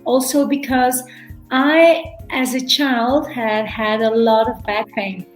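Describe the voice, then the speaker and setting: In an echoey space with faint music behind her, a Belgian woman of middle age talks slowly in a steady, fairly high voice. As a veterinarian and animal chiropractor being interviewed casually, she tends to repeat words and restart sentences.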